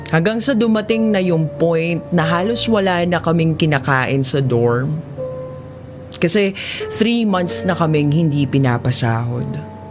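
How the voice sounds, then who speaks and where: A woman from the Philippines, speaking with a Filipino accent and a rumbling low voice, narrates her own life story in the first person. The delivery is measured and confessional, like an audiobook drama.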